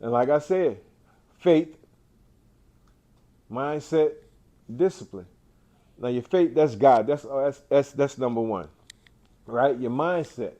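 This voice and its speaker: A man with a warm, mellow voice at a middling pitch gives an inspirational talk to a room. He repeats his phrases and restarts often, and his faith-driven delivery sounds like a preacher's. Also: takes it slowly, pauses often. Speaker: cancer survivor speaking to an audience. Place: indoor venue with an audience.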